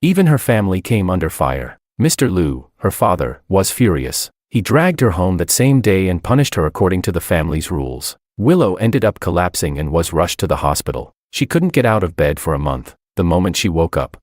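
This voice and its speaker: Deep-voiced man narrating a story. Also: big pitch swings, a little fast, few pauses, a little mellow, dry recording, studio quality. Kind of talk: first-person story narration.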